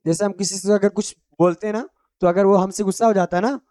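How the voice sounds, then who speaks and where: A man's voice: sits high, fairly even intonation, fast, warm tone, no echo, studio quality. A man teaching everyday English phrases, repeating each phrase and quizzing the listener. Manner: drills each phrase with repeated quiz questions; simple, homely explanations. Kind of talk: Hindi-language English lesson.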